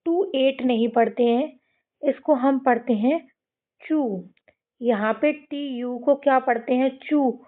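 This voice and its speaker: A woman teaching children to read English words, repeating each sound and asking them questions as she goes. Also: fairly high pitch. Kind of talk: slow explanatory lesson to children. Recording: tinny phone-like recording.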